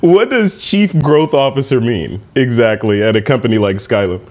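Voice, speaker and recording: A man hosting an interview, asking questions in a relaxed, chatty way. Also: medium pitch, moderate pace. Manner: relaxed, chatty, laughing easily. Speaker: interview host. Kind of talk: casual interview.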